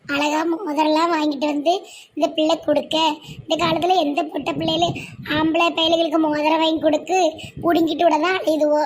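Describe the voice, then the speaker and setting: A woman's voice: sits high, little pitch movement, a little fast, slight background noise, natural voice. A woman doing a mocking village aunty. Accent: Tirunelveli Tamil. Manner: mocking, loud, slangy. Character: gossiping blunt middle-aged village aunt.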